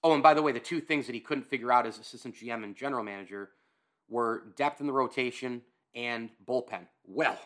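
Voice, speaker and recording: A man's voice: medium pitch, a little fast, fairly bright tone. A man hosting a sports podcast, giving casual solo commentary in a conversational way, repeating phrases and checking in with the listener. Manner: conversational, repeats phrases, asks "right?" for emphasis.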